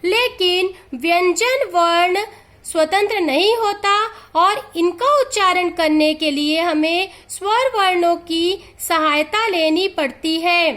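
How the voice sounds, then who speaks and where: A woman teacher with a very high voice gives a grammar lesson. She speaks slowly and deliberately. She draws out each letter carefully as she lists it. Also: a bit bright. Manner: slow, deliberate explanation, drawing out each letter.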